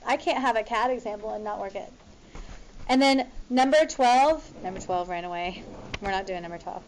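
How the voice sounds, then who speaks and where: A woman teacher works through math examples with her class, speaking in an informal, directive way and checking that students are following along. Her voice is on the high side, and the poor audio has slight background noise.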